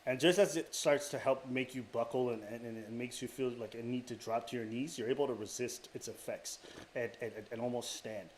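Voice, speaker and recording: A man's voice: mid-range voice, fairly quick, crowd noise. A man narrating a tabletop game as dungeon master, hesitant, with frequent fillers and restarts. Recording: clear background noise.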